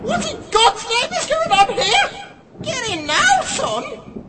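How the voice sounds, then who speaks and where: A man's voice: very high-pitched, sing-song, slow pace, very noisy, full character voice. A man doing a shrieking scolding mother. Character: shrill scolding mother calling her son indoors. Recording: loud thunderstorm behind the voice. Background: thunderstorm and rain.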